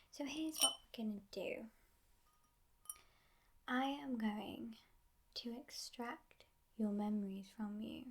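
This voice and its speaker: A woman playing a teasing but gentle devil in an ASMR role-play, in a breathy, hushed voice with musing pauses. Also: fairly high pitch, heavily acted. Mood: musing, playful. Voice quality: breathy, husky soft voice.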